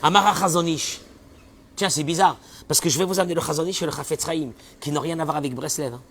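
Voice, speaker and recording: A man's voice: fairly high pitch, fairly even intonation, quick pace. Impassioned man giving a sermon. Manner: impassioned, urges listeners directly, swings from soft to loud. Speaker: rabbi.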